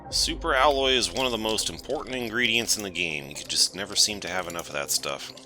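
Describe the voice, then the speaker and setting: Nursing a cold, a gaming channel host talks through a relaxed let's-play, thinking aloud as he explores. He speaks quickly, in a very low voice that is still strikingly bright and forceful, over soft game music.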